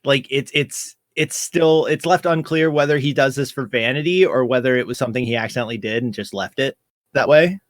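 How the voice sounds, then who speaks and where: A man's voice: medium pitch, brisk, no echo. A man co-hosting a casual podcast, recapping scenes with dry joking asides. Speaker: podcast co-host recapping episodes. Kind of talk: casual chat.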